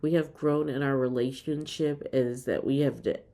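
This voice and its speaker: A woman's voice: rumbling low, fairly even intonation, moderate pace, dark tone. A woman about fifty chatting casually to her viewers as a vlogger, with frequent ums and an upbeat tone. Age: 50s. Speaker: reseller vlogger. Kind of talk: casual chat to camera.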